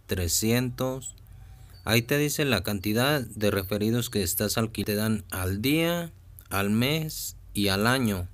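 Slow, hesitant man. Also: lowish voice. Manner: slow, hesitant, many fillers and restarts. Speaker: vlogger walking through a website. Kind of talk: casual screen-recording walkthrough.

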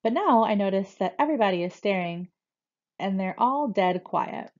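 A woman reads a first-person novel aloud in a steady, expressive storytelling voice. Her voice sits at a middle pitch. The recording sounds slightly dull and lo-fi. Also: moderate pace. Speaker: reader.

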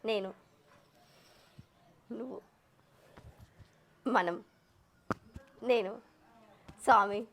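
A woman's voice: mid-range voice, drawn-out words, pauses often, a bit bright, slight background noise. A woman, playfully calling out guesses in a casual family game. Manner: playful, repeats guesses aloud, laughs. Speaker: vlog host, guessing player.

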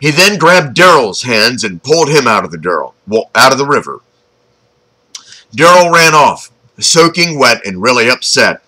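Bright, lively male storyteller. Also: medium pitch, normal speed, low-quality recording. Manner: chatty, with asides and jokes to the listener. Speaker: author reading his own story. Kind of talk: storytelling narration.

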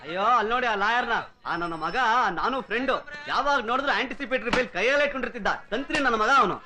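A man's voice: very high voice, fast talker. An actor playing a gossipy man who chuckles as he tells of a rogue's tricks. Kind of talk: film dialogue.

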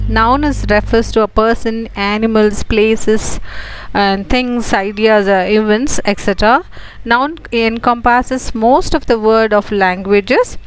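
A woman teaches an English lesson for exam students, explaining haltingly and listing items one by one. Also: a little high, slight background noise, rough recording.

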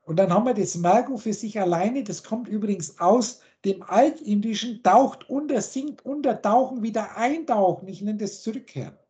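A woman teaches word roots on a video call, lecturing as she lists one word after another with its meaning. She talks at a normal speed with few pauses, in a warm, mid-range voice.

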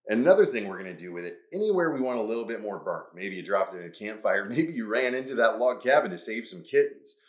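An upbeat man hosts a hands-on craft tutorial and walks through each step as he works. His voice sits on the low side. The room around him is echoey. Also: animated, quick pace, few pauses. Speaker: host.

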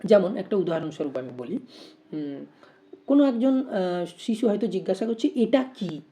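Woman teacher, warm and mellow tone, methodical explainer who asks rhetorical questions before each answer. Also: mid-range voice, animated, normal speed. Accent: Bengali. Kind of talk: exam-prep lesson.

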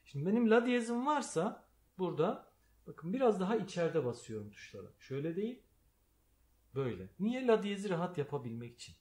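A man giving a slow, patient piano lesson, calling out note names as he plays. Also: high-pitched, very animated, background noise. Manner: calls out note names while playing, explains patiently. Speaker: piano teacher. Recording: piano music under the voice. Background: piano playing.

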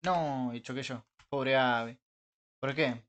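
A young man with an Argentine Rioplatense accent, chatting casually with his live-stream viewers while gaming, joking, swearing and breaking into frustrated shouts. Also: mid-range voice, slow pace. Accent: Argentine Rioplatense Spanish. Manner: banters with chat, swears, bursts into frustrated shouts.

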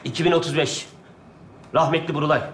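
An actor playing a man who comes from twenty years in the future as someone's older self, talking in a rough, bossy way. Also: a little high, reverberant, a little hiss or hum, close to an everyday voice. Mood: boastful. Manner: rough and bossy, fast and excitable. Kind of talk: sketch comedy acting.

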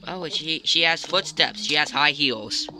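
Music plays behind a man on the high side doing casual let's-play commentary at normal speed. As a gaming commentator, he walks viewers through what happens in the game, and his home recording is noisy.

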